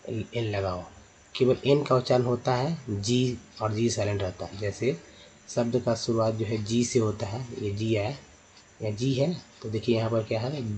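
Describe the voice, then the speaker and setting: Male teacher explaining a lesson patiently, middle pitch, light background noise. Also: a little mellow. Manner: repeats words, corrects himself mid-sentence. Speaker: English teacher.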